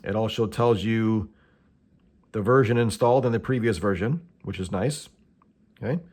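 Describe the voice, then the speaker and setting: Using a lowish, slightly mellow voice at a moderate pace, this American host of how-to and tool review videos walks through a product step by step. His manner is casual, plain-spoken, and matter-of-fact.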